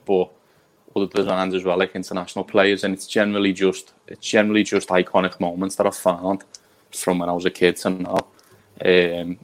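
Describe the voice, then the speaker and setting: Low, even-voiced man chatting casually. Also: a little hiss or hum. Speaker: podcast guest, print designer. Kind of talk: casual chat.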